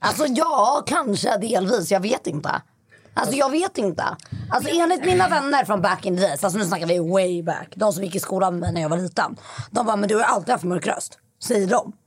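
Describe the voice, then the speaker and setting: A young woman with a husky, hoarse voice, talking loudly and bluntly as a guest in a casual chat, often laughing. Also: medium pitch, lively intonation.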